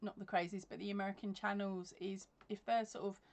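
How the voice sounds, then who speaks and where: A woman with a medium-pitched, darkish, level voice speaks fairly quickly while casually hosting a crochet livestream. She's English, reading comments from her home craft room full of yarn shelves, laughing frequently and filling silences with ums, recorded through the webcam on her desk.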